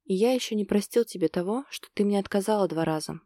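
Jealous young guy grumbling, woman reading him, warm low voice, dry close mic. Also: fast talker, no echo, natural voice. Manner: brooding, grumbling. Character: jealous, possessive young man in love. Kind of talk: audiobook character reading.

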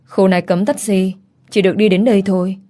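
A woman's voice: medium pitch, fairly even intonation, brisk, mellow, natural voice. A woman voicing a blunt middle-aged male taxi driver in an audio story.

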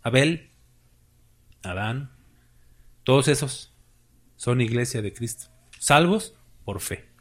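A man's voice: medium pitch, lively intonation, takes it slowly, pauses often, husky. A man preaching a sermon as pastor, with emphatic rises and drops, asking the congregation questions.

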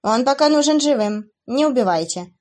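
A woman's voice: fairly high pitch, animated, moderate pace, darkish tone, voice pushed up. A woman voicing a cruel, playful female demoness who taunts her captive in a raised, sing-song voice for an audiobook. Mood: gloating.

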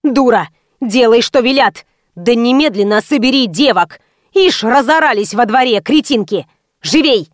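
A woman's voice: fairly high pitch, lively intonation, normal speed, dry recording, studio quality, close to an everyday voice. A woman doing a stern commanding salon owner. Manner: sharp, commanding orders.

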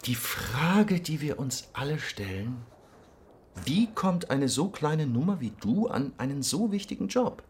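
In a radio crime drama, a male actor plays a hard-nosed police investigator who is sardonic, commanding and cutting. His fairly high-pitched voice is very animated though a little slow, with a needling, superior mood.

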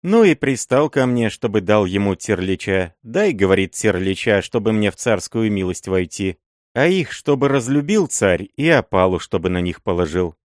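A man's voice: on the low side, animated, moderate pace, no room sound, clean studio sound, close to an everyday voice. A man voicing a crafty, fawning old male miller and sorcerer who wheedles and scrapes in an audiobook. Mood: confiding.

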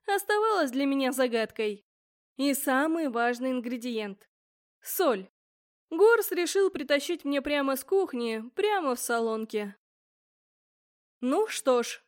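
A woman reading a first-person fantasy audiobook aloud, expressive and voicing the characters as she goes. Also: sits high. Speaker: audiobook narrator.

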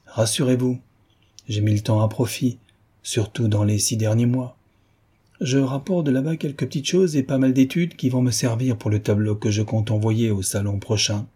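A man voicing a cold, composed young painter who speaks in a calm, detached tone, in a novel reading. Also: mid-range voice, moderate pace, slightly rough, natural voice.

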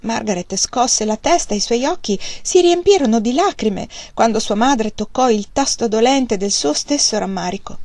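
A woman narrating a literary audiobook in a calm, measured reading. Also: a little high, no echo. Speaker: audiobook reader.

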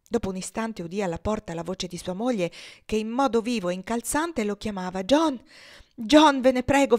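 A woman's voice: medium pitch, no room sound, clean studio sound. Woman reading a classic novel aloud. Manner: measured, expressive reading. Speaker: audiobook reader. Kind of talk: literary audiobook narration.

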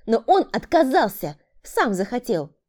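A shrill, high-strung woman who schemes and then panics, pleading and defending herself, as an audiobook narrator plays her. Her voice jumps high and stays tense throughout. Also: lively intonation, normal speed, dark tone. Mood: panicked. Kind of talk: audiobook character voice.

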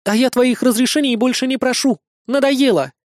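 Man doing a squeaky sassy blonde girl soldier. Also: normal speed, darkish tone, no echo, studio quality, natural voice. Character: bold tipsy young blonde woman soldier.

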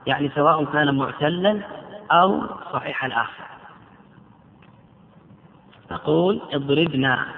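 Male grammar teacher, slightly high voice, drills each example word slowly; tinny phone-band sound in a reverberant hall. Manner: slow, drawn-out example words, repeated for drilling. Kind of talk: classroom lesson on grammar.

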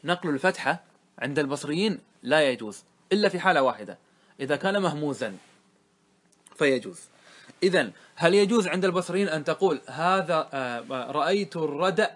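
Man with a kinda high voice teaching grammar, keeps asking the class if they get it. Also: lively intonation. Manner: asks students quick check questions; chants verses slowly. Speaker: sheikh teaching Arabic grammar. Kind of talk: classroom lecture explaining verse.

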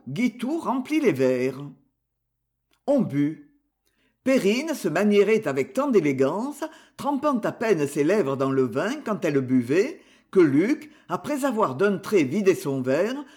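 A man narrates a classic novel in a high voice that rises and falls with lively movement. His reading is measured and expressive, the steady pace of a practiced audiobook storyteller. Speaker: audiobook reader. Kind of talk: scripted literary narration.

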